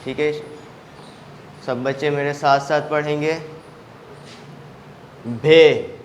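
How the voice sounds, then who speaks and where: A man from Pakistan teaching a children's language lesson, sounding out letters slowly and praising the class after each one. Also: fairly high pitch, slight background noise. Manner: slow, drawn-out letter sounds with steady praise. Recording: echoey room, faint ambience.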